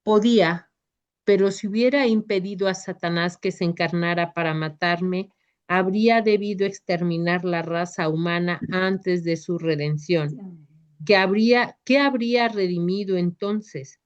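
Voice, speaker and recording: A woman voicing a calm, merciful teacher. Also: fairly low pitch, measured pace, close to an everyday voice. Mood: gentle. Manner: gentle, solemn instruction. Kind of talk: devotional reading. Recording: dull lo-fi recording.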